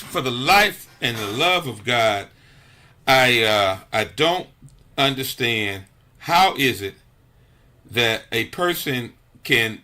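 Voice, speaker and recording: Guy ranting on his radio show, keeps stumbling over his words, tense bright voice. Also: medium pitch. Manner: indignant, stammering with repeated restarts. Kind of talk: talk radio monologue.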